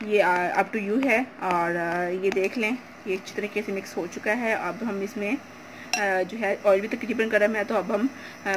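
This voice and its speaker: A woman talks through a home cooking tutorial one step at a time, her voice in a medium register. She pauses often on little fillers as she explains. The recording is noisy, with a clear hiss of home ambience behind her. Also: medium pitch. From Pakistan. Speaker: cooking channel host. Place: home kitchen.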